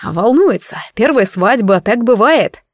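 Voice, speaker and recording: A woman voicing a male necromancer lord who speaks quietly, in a smooth, insinuating and sarcastic way. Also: fairly high pitch, expressive, measured pace, dry recording, studio quality. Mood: quietly mocking.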